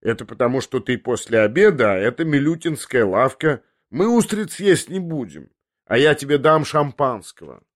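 A man's voice: medium pitch, sing-song, normal speed, natural voice. A man reading an audiobook, voicing a spiteful, jittery young swindler who snaps impatiently. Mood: coaxing. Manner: snapping, impatient.

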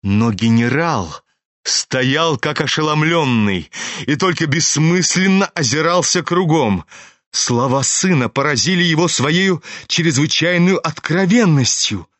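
A man narrates a classic novel in a higher-pitched, lively voice. He reads slowly and deliberately, with wide swings in pitch. The sound is close and dry. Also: no room sound. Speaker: audiobook reader. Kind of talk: scripted narration.

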